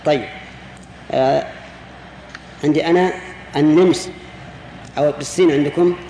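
A man's voice: fairly high pitch, fairly even intonation, moderate pace, warm tone. A man, a sheikh giving a classroom lecture on jurisprudence. He explains patiently, repeats key words and puts questions to his students. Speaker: sheikh teaching Islamic jurisprudence. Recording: roomy reverberant hall with faint hiss.

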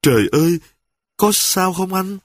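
A woman's voice: medium pitch, sing-song, normal speed, husky, no room sound, clean studio sound, voice pushed up. A man reading aloud and voicing a flustered young wife who fusses and scolds. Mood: fretful scolding. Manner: fussing, exclamatory.

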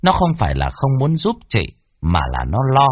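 A man with a husky voice narrating a horror story, expressive with wide swings in pitch. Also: moderate pace, no room sound. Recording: dull lo-fi dry recording.

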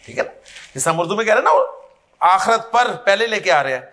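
A man's voice: high voice, lively intonation, sharp tone. A man teaching Arabic grammar in a classroom lecture, explaining step by step and checking that his students follow.

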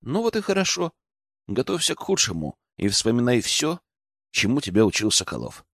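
A man voicing a nervous mentor who mutters in a quiet, trembling voice. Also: mid-range voice, wildly swooping pitch, moderate pace, creaky, no echo, clean studio sound, exaggerated voice. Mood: uneasy.

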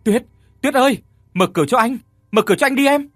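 A man voicing a desperate young man who shouts frantically in an audio story. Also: very high voice, expressive, fairly quick, no room sound, pitched above the performer's own voice, heavily acted.

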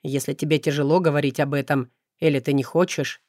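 A stern, brooding young nobleman, voiced by a woman reading an audiobook, speaks low and clipped. His lines sound held back and dark. The recording is dry and close. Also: steady tone, fairly quick, dry recording, close to an everyday voice. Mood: restrained.

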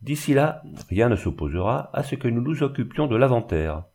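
A man's voice: mid-range voice, very animated, normal speed, a little mellow, pitched above the performer's own voice. Man as a suave unruffled notary. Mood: calm. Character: suave calm notary, indifferent and polite.

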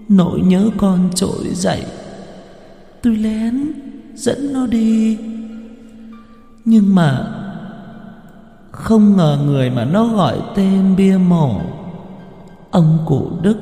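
A sobbing female ghost mother pleads in a high, gravelly voice, as a male narrator puts her on. She drags out her words slowly. The voice rings with long reverb over music. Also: a little mellow. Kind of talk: ghost story reading.

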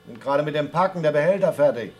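Man acting a grumbling, low-voiced astronaut. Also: normal speed, natural voice. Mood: irritated, louder. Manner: dry, sardonic, grumbling. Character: gruff, grumbling male astronaut on the Moon. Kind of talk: German radio play acting.

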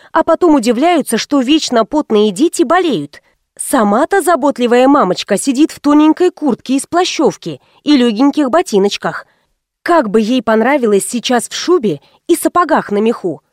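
A woman narrating an audiobook in the first person, wry and expressive. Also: fairly high pitch, moderate pace, no echo, studio quality.

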